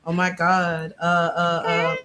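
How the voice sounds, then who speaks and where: Bubbly host chatting on a livestream, voice shot and hoarse from yelling, medium pitch, some background noise. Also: little pitch movement, slow. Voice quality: voice a little shot and hoarse from too much yelling and talking. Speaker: host of a live stream panel. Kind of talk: casual chat.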